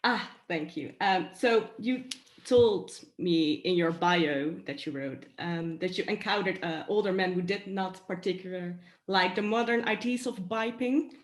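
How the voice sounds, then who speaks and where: Lowish woman interviewer in a roomy space. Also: a little slow. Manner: polite, hesitant, many fillers. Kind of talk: video call interview. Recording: roomy echo.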